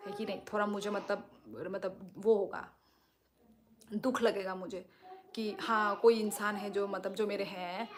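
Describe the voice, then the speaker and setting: Woman on a live stream going on and on to her viewers, reassuring them, mid pitch. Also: a little hiss or hum. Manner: talks directly to viewers, reassuring and explaining at length. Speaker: livestream host. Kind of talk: live stream chat reading comments.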